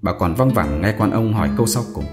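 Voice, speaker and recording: A man reading a short story aloud as narrator, with expressive storytelling. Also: on the low side, quick pace, music in the background.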